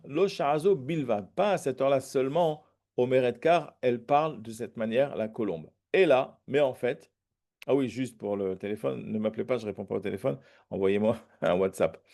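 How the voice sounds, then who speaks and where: A man teaches a Talmud lesson, reading each phrase aloud before translating and explaining it. He hesitates with fillers and restarts often. His voice is medium-pitched, creaky, and warm.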